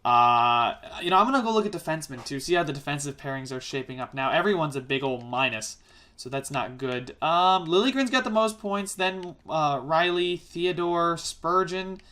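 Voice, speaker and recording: Fast-rambling man commentating his game. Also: on the high side, animated, pushed and bright. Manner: rambling, self-correcting, exasperated musing; fast-talking. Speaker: gaming YouTuber. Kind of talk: let's-play gameplay commentary.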